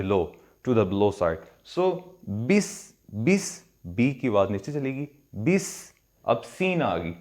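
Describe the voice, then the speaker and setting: A man's voice: medium pitch, darkish tone. A man with a Pakistani accent teaching recitation pronunciation, explaining step by step, drawing out and repeating sounds and mixing in English words. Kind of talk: pronunciation lesson.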